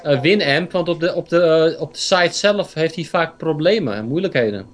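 Hesitant man with a higher voice. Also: animated, fairly quick. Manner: hesitant, repeats words as he starts. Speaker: guest on a call-in show. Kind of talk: casual chat.

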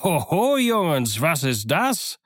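A man reading an audiobook and voicing a boisterous, crafty ship's cook, hearty and raised in pitch. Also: big pitch swings, takes it slowly, no echo, studio quality, heavily acted.

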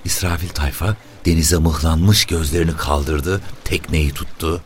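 A man narrating a short story aloud in a lively, expressive reading. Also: rumbling low, a little slow, soft background music.

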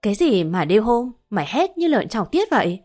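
A woman's voice: medium pitch, big pitch swings, moderate pace, darkish tone, soft background music. A woman voicing Mrs. Giá, a harsh, scolding elderly mother-in-law. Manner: gruff, scolding.

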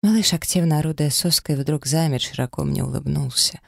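A man's voice: fairly high pitch, brisk, creaky, no echo, studio quality. A man reading a first-person story as an audiobook narrator, dramatic and emotional.

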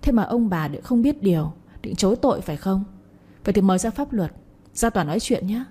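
A woman's voice: mid-range voice, expressive, fast, mellow, slightly rough. A woman reading a hostile middle-aged village mother. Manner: curt, accusing.

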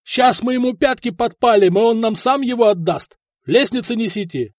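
A man's voice: extremely high pitch, lively intonation, moderate pace, no echo, studio quality, pitched above the performer's own voice. A man voicing a burly red-faced duke with a brutish temper, bellowing threats in a storybook reading. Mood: furious.

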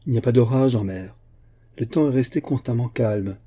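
A man reading a novel aloud, voicing a blunt, hearty giant of an old musketeer who talks loud and insistent. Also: mid-range voice, moderate pace, natural voice. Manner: loud, insistent, plain-spoken.

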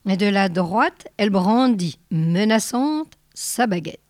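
A woman reading a short story aloud in a measured narrating voice with careful pauses. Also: medium pitch, animated, a little mellow, no room sound, studio quality. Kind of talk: read-aloud literary narration.

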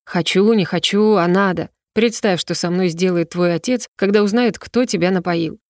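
A woman voicing a calm young male elf friend who speaks in an easygoing, gently teasing way. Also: lowish voice, moderate pace, dry recording, clean studio sound, lightly acted.

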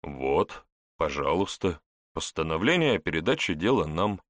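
A man voicing a polite, calm young male security officer in an audiobook. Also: sits low, moderate pace, dry recording, studio quality. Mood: courteous. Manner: courteous, calm, genial.

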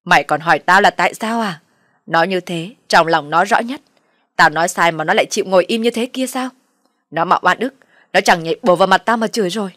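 A woman voicing an enraged middle-aged mother-in-law who hurls shrill, abusive insults in a low-pitched voice. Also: a little fast, fairly bright tone, no echo, clean studio sound, natural voice. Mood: furious scolding.

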